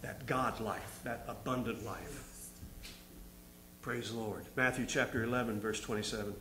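A middle-aged man preaches a sermon on a church stage, reading scripture aloud and gradually growing more fervent. He speaks at a moderate pace with a medium-pitched, steady tone. The pulpit microphone records a roomy hall with background noise.

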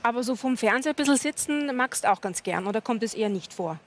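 A woman's voice: fairly high pitch, lively intonation, fast talker. A woman in her thirties hosting a TV talk show, asking friendly, curious questions in a studio. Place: TV studio with audience.

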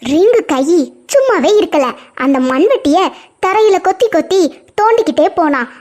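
A woman's voice: extremely high pitch, expressive, moderate pace, a little mellow. A woman with a Kanyakumari Tamil accent narrating a cartoon moral story in a simple storybook manner.

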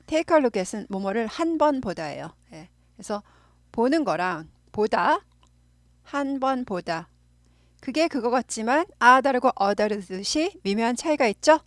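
A middle-aged woman who teaches English, explaining phrases in Korean and repeating them slowly for practice. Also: a little high, animated, no echo, studio quality.

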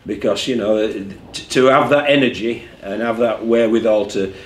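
Candid coach, echoey room. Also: male voice, lowish voice, steady tone, normal speed. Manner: candid, conversational, repeats words as he thinks. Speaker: rugby league head coach. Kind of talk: post-match press conference. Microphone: desk mic in front of him. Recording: echoey room with faint background hum.

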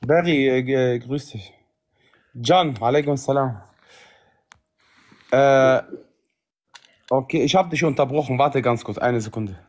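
A man's voice: medium pitch, measured pace, long pauses, a little mellow. A man in his thirties bantering on a livestream, slangy and repetitive, calling out to viewers. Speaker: livestream host. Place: indoors, living room. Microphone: phone at arm's length.

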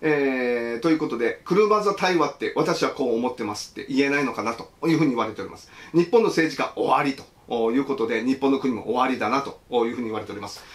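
A man's voice: medium pitch, fast talker, few pauses. A man hosting a casual livestream, reading viewer comments aloud and chatting about each one, laughing often. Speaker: host.

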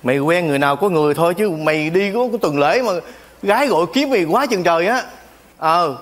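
An actor playing a teasing, easily exasperated man in a stage comedy sketch, full of loud exclamations. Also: high-pitched, expressive, quick pace. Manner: exclaims often, teasing banter.

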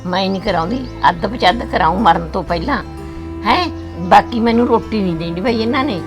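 A woman playing a frail, gentle elderly village mother with a Punjabi accent, consoling her daughter. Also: medium pitch, expressive, brisk, music in the background, lightly acted. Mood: tender. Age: older. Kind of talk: village drama acting.

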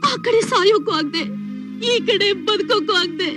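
Crying middle-aged mother, very high voice, music under. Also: normal speed. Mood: anguished. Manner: anguished, begging forgiveness. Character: guilt-ridden middle-aged mother, sobbing. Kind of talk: film drama acting. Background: film score over the dialogue.

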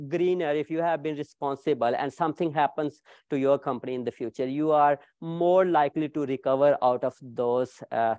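A man in his thirties lectures in a small seminar room, gesturing as he talks and often filling pauses with "uh, you know." His voice sits at an ordinary pitch, and the sound is dry with little room echo, picked up by a camera across the room. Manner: animated, gestures while pacing, frequent "uh, you know" fillers. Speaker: keynote speaker. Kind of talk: academic keynote lecture. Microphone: far room camera.

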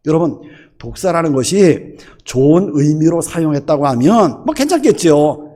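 A man's voice: on the high side, normal speed. A middle-aged man, a senior pastor, preaching a sermon and asking his congregation question after question. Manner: animated, rhetorical questions to the congregation.

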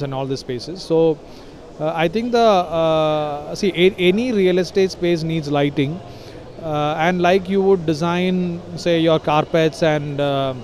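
A man's voice: a little high, a little mellow. A man, a lighting consultant explaining his work at a busy expo hall with many hesitations. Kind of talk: trade show interview. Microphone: handheld mic from interviewer.

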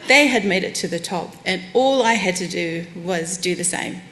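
A lowish-voiced woman speaking at normal speed gives a self-deprecating keynote from a conference lectern, candid and warm with light laughs. She is from New Zealand and of Samoan heritage, and there's slight background noise on the lectern microphone.

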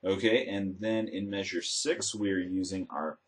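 A low-voiced man teaches guitar in a steady tone, explaining methodically and measuredly in a step-by-step instructional demonstration. He's in an indoor room with instruments, and acoustic guitar notes and plucking play around his voice.

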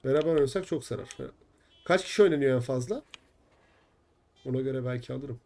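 Young male streamer, mid-range dark voice, casual and easily irritated, cursing at glitches. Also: mid-range voice, brisk, vocal fry. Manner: frustrated, swears often, chats with viewers. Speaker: gaming streamer. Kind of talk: live game stream chat.

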